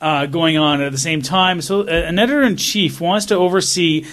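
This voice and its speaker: A man's voice: a little high, normal speed, fairly bright tone. A man co-hosting a casual comics podcast, eagerly explaining with many restarts. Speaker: podcast co-host. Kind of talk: casual chat.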